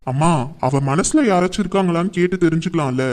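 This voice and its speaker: A man acting as a calm older brother who gently defends his younger sister. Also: high voice, fast talker, natural voice. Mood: reasoning. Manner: gentle, reasoning.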